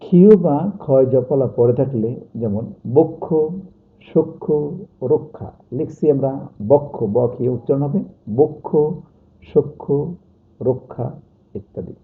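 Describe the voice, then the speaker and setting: Man teaching slowly over tinny sound. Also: mid-range voice. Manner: slow, repetitive dictation of example words. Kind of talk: pronunciation lesson.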